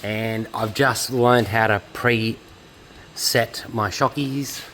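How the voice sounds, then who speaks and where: A man's voice: on the low side, fairly even intonation, drawn-out words, a bit bright, a little hiss or hum, poor audio. Rambling, swearing Australian man in a garage. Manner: rambling and profane, laid-back storytelling. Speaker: car builder and drift driver. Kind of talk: casual workshop vlog. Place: home garage workshop.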